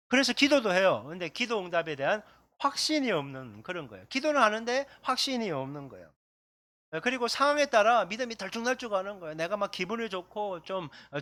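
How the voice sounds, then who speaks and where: Lively high-voiced Korean pastor preaching. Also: male voice, no echo. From South Korea. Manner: conversational preaching with slide references and acted quotes. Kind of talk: sermon.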